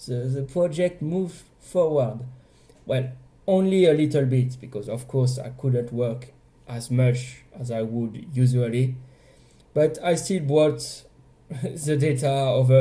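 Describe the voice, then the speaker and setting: A young man with a French accent talks through his game project in a relaxed video-diary way. His voice is very dark and mellow, and he often stops to correct his words as he goes. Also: medium pitch, measured pace. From France. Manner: hesitant, self-correcting, chatty. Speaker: indie game developer. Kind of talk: casual devlog walkthrough.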